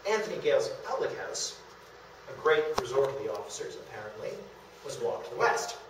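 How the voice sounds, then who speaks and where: A man presents an illustrated history lecture live to an audience gathered in a historic house's meeting room, speaking in a sing-song, medium-pitched voice slightly fast. Captured by a distant audience camera, he sounds remote, with a very echoey room and faint noise.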